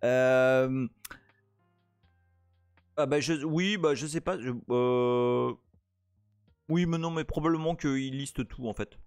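A French man hosting a casual live-coding stream, playful and excitable, chatting to viewers as he works. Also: medium pitch, slow pace, long pauses, smooth, no echo, studio quality, soft background music. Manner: playful, excitable, reads chat aloud.

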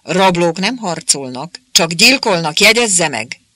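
A man's voice: on the high side, lively intonation, vocal fry, pushed and bright, dry recording, exaggerated voice. A man voicing a sneering young male interpreter who talks down to the people around him, turning from mockery to false friendliness. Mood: scornful. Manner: mocking, then falsely friendly and preachy.

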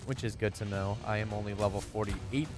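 A man casually commenting on his own gameplay, chatty and excitable, talking to his viewers and to the animals in the game. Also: on the low side, fairly quick, faint music behind. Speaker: gameplay streamer.

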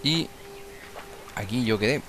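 A man with a Chilean accent hosting a gaming channel, muttering casual commentary as he plays and now and then yelping and swearing at the game. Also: fairly bright tone. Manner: slow, muttering, bursts into high yelps and swearing at the game. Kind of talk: casual let's-play commentary. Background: game music.

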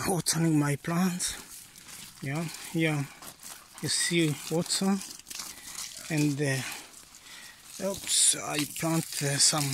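A middle-aged man for whom English is not his first language gives a casual walk-through of his outdoor vegetable garden, often pausing to search for words. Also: fairly high pitch, noisy background. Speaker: gardener vlogger. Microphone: handheld phone camera.

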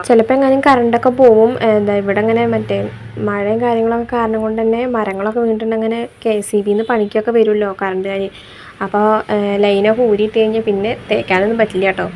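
A young mother from Kerala, narrating her daily chores in a chatty voice-over. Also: medium pitch. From Kerala, India. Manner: chatty, tags sentences with a soft "you know". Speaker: vlogger mother. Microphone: voice-over recorded separately.

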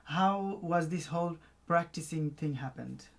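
A man's voice: a little high, unhurried, creaky. A man, a Bengali speaker, co-hosting and asking questions in a casual chat. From Bangladesh.

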